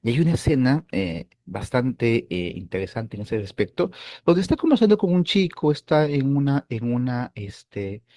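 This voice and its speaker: A man hosting a philosophy channel, talking through a film in a thoughtful, hesitant way, often pausing and checking in with his listeners. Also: mid-range voice, big pitch swings, darkish tone, no room sound, clean studio sound. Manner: thoughtful, hesitant, with frequent "eh" and tag questions. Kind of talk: casual film commentary.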